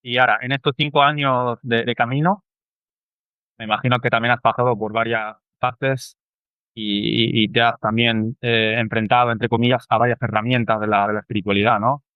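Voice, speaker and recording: A man's voice: mid-range voice, level tone, moderate pace, smooth, no room sound. A man hosting a podcast, asking questions in a hesitant, tentative way. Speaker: podcast host. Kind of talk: casual interview questions. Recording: tinny phone-like line.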